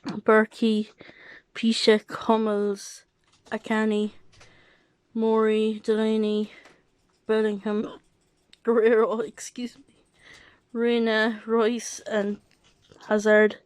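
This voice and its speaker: A woman's voice: fairly high pitch, monotone, slow, long pauses, clean tone, dry recording, low-quality recording. A woman with the hiccups, casually running through football results and lineups and often excusing herself. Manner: reads out lineups, keeps apologizing. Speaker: football vlogger. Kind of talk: casual live football reaction.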